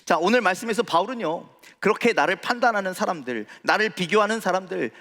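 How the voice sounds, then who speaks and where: A man's voice: a little high, a bit bright. A male pastor preaching a sermon in a church, asking the congregation questions as he goes. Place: church sanctuary. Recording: reverberant church hall.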